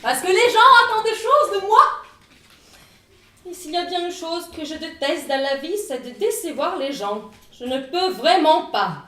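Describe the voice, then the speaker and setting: Speaking at a moderate pace in an extremely high voice, a northern Italian actress with an Italian accent performs a comic, dramatic first-person monologue in her one-woman show. Her delivery is dramatic and expressive, and she's picked up by a distant microphone in an echoey room.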